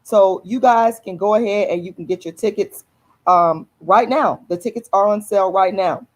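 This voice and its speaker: An activist who hosts her own channel casually announces an event to her viewers, repeating herself and calling them y'all. Her voice is hoarse, medium in pitch, and moderately paced.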